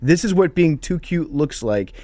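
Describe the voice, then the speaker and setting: A man's voice: a little high, animated, mellow, dry recording. A man in his thirties co-hosting a casual sports podcast, joking dryly. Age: 30s. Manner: quick dry joking. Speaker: podcast co-host.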